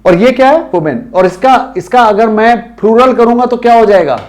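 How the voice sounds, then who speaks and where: Lively Indian man teaching pronunciation. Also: very high-pitched, moderate pace. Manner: drills pronunciation, asks viewers to repeat after him. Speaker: English teacher. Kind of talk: spoken English lesson.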